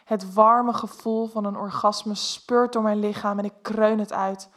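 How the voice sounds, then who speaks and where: A woman reading an erotic story aloud in a soft, intimate first-person narration. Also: mid-range voice, fairly even intonation, a little slow.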